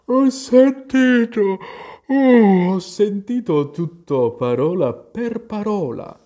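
A man voicing a sleepy, grumpy male dormouse in a storybook reading, with a faint, hoarse, drawn-out voice. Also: high voice, animated, warm tone, pitched above the performer's own voice. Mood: drowsy. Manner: drawn-out, drowsy speech.

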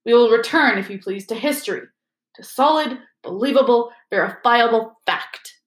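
A woman's voice: a little high, moderate pace, echoey room, natural voice, low-quality recording. A woman voicing an old ghostly male history teacher with a dry, reedy voice who lectures and dismisses questions impatiently. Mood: irritated.

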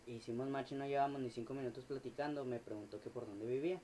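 A man, a podcast guest telling a story in animated, slangy, swearing casual chat. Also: mid-range voice, quick pace, slight background noise.

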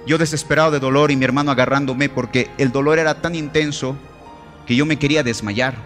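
A man's voice: mid-range voice, steady tone, a little fast, fairly bright tone. A man preaching a sermon, impassioned and exhorting, calling the congregation family, with faint music behind. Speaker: pastor.

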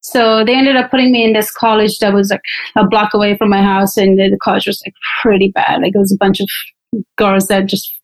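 A Pakistani woman, a podcast interview guest, recounts her life conversationally with frequent fillers. Her medium-pitched voice is level in tone and fairly quick. The recording sounds rough.

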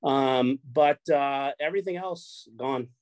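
A man's voice: medium pitch, slow, darkish tone, no room sound. Rambling, swearing man from Chicago. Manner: rambling, repeats words, swears freely. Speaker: poker show runner and guest. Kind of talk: casual chat.

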